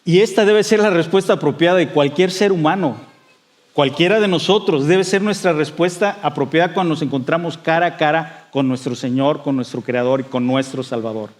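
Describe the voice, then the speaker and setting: A man preaching a sermon in a conversational way, with frequent fillers and restarts, and acting out quoted voices with rising excitement. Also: fairly high pitch, brisk. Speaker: pastor.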